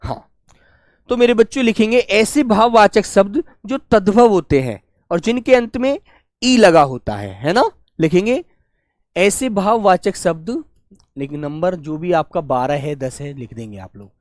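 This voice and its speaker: A man teaching a grammar class for exam students, warmly coaxing and asking questions that he then answers himself. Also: high voice, expressive, no room sound, clean studio sound. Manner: warm coaxing, calls students "beta", asks and answers his own questions; stretches key words slowly while dictating notes.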